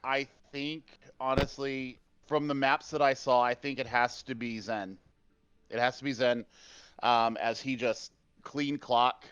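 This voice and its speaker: Smooth-voiced esports caster man, dry dull mic. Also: medium pitch, fairly even intonation, measured pace, a bit bright, no room sound. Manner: emotional, enthusiastic, casual. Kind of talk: esports post-match commentary.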